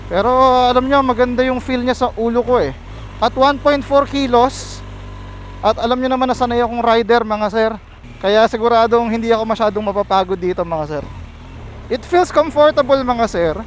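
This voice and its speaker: A man's voice: extremely high pitch, moderate pace, a little hiss or hum. A man speaking from inside a full-face helmet, chatting casually to his viewers while he reviews it on a motorcycle ride. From Philippines. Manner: chatty, keeps addressing viewers as sir. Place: outdoors on a motorcycle. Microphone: helmet-mounted action camera.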